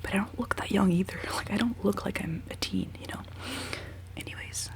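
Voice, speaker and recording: Quick and gravelly, a low-voiced woman in her twenties whispers her way through a giggly, meandering ASMR session while putting on her makeup.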